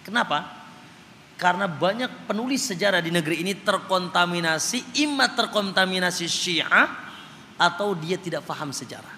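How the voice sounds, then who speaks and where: With a high-sitting, bright and forceful voice, a religious teacher leads a Quran study session at normal speed and lively intonation. He speaks to the audience as Pak and chants recitation examples, captured in a reverberant hall with slight background noise.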